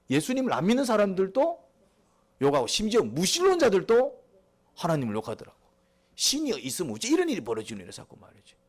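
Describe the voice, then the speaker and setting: A middle-aged male pastor, preaching a sermon, asking the congregation questions and answering them himself. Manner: swings between quiet, low asides and loud, high emphatic lines.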